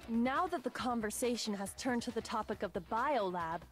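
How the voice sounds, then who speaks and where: An actress voicing a calm, coolly reasoning character in a video game. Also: female voice, on the high side, moderate pace, close to an everyday voice. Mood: composed. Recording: game audio with music behind. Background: game music.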